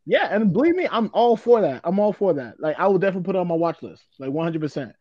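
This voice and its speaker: High-voiced young man, dull lo-fi sound. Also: sing-song, fast, dry recording. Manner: repetitive, filler-heavy casual phrasing with lots of "like". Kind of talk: casual chat among friends.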